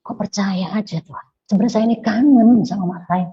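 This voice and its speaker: A woman gives an earnest personal testimony, halting and repeating her phrases as she pleads her case. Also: medium pitch, mellow, slightly rough. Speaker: convert giving a personal testimony. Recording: muffled lo-fi recording.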